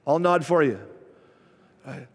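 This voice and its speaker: A pastor delivers an emphatic sermon, hammering phrases again and again. His voice sits high for a man. The sound carries the long reverb of a church sanctuary. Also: slow pace. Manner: repetitive, emphatic preaching.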